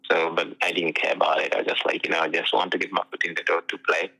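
A young Ugandan man, a professional soccer player, tells his story in a laid-back interview, dropping "you know" again and again. His voice is low, gravelly, and quick, and it comes through what sounds like a phone line in casual interview chat.

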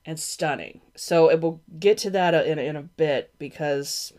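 A woman's voice: sits low, a little slow, warm tone. A young woman hosting a history podcast, reading from a script with chatty asides and careful apologies when she stumbles on names. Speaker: podcast host.

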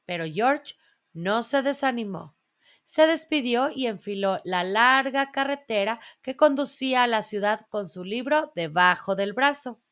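A woman reading a children's storybook aloud in a gentle, measured way. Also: on the high side.

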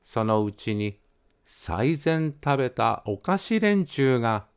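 A man reading a children's story aloud in a gentle, expressive storytelling manner. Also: medium pitch, slow, clean tone. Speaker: podcast host reading a story.

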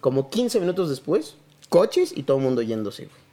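A man's voice: medium pitch, brisk. Casual: mexican guy telling stories on a podcast, swoops all over, slangy. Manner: animated storyteller, slangy, acts out quotes. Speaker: podcast co-host. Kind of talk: casual chat.

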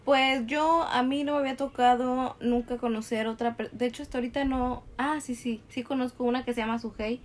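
A young woman chats casually on a podcast. Her fairly high voice rambles through anecdotes, stopping often to correct herself. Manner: rambling storyteller, frequent self-corrections. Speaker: podcast co-host. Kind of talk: casual chat.

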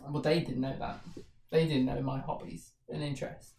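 A man's voice: fairly high pitch, flat delivery, normal speed, gravelly, mellow. A man co-hosting a casual podcast, joking, laughing often and swearing now and then. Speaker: podcast co-host. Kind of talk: casual chat. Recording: roomy, distant mic with faint noise.

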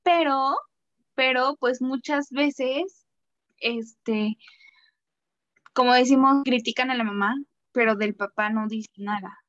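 A Mexican woman co-hosting a podcast, outspoken and animated in casual slangy chat. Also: sits high, slow, long pauses, no echo, lo-fi sound. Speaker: podcast co-host.

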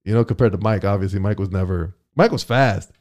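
A man's voice: lowish voice, fast, darkish tone. Man, casual chat, profane and slangy, restarts his phrases. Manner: profane, slangy, says "bro" a lot.

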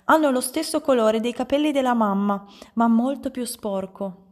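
Una donna che legge ad alta voce e fa un ragazzino sfacciato che prende in giro il padre. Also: female voice, fairly high pitch, moderate pace, voice pushed up, lightly acted. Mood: cheeky. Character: mocking young schoolboy.

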